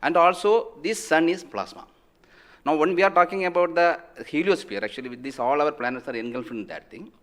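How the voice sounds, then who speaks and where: A man's voice: fairly high pitch, brisk, a bit bright. A man scientist with an Indian English accent answering on air, leaning heavily on the word actually. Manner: uses 'actually' often, emphatic. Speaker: payload scientist. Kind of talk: live broadcast interview answer.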